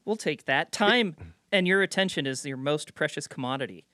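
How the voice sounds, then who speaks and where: A man's voice: a little high, moderate pace, no echo, clean studio sound. A man co-hosting a podcast in casual, teasing chat. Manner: joking, teasing, animated. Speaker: podcast co-host.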